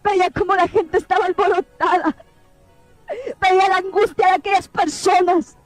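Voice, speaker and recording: A woman's voice: very high-pitched, fairly even intonation, normal speed, no echo, faint music behind, rough recording. A woman preacher earnestly recounting a dream as an emotional testimony, pleading and often close to tears.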